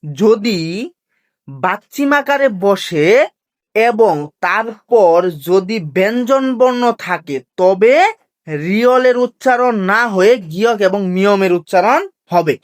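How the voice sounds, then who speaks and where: A teacher gives a video lesson. They explain rules slowly and keep asking rhetorical questions before answering them. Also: medium pitch, lively intonation. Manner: asks rhetorical questions and answers them, repeats key points; slow, careful drilling of pronunciation rules. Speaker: language teacher. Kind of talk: classroom-style video lesson.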